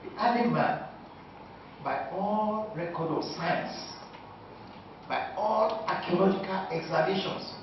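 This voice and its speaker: Gravelly man lecturing in an echoey hall. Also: high-pitched, animated, slow, long pauses. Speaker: guest lecturer. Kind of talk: answering audience questions at a lecture. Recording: echoey hall, distant lo-fi mic with noise.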